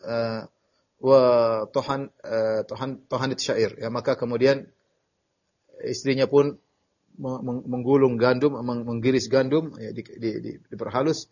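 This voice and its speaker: Male religious teacher, lecture delivery, husky higher voice, animated storyteller who restarts phrases, dull lo-fi recording. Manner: animated storytelling with sudden emphatic bursts; frequent filler "ya" and halting restarts. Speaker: Islamic teacher.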